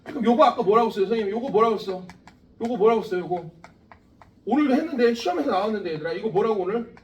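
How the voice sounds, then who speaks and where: A man in his forties teaching a science class, lively and chatty, often questioning his students. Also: high voice, fast talker, roomy sound, far from the mic, lo-fi sound, slight background noise. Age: 40s. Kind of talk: classroom lecture.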